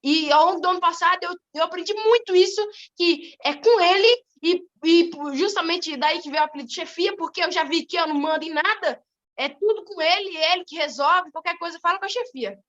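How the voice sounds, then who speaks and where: A teenage girl giving an animated church testimony, telling her story in a quick, lively way. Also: very high-pitched, muffled recording. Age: teens. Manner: animated, fast-moving storytelling. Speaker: testimony giver.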